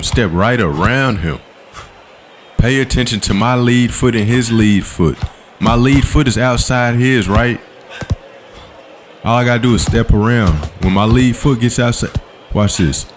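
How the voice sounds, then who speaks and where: A gaming channel host gives laid-back voice-over commentary on his gameplay, recorded separately from the footage. His voice is low, and he coaches in a slangy way with quick "boom" call-outs.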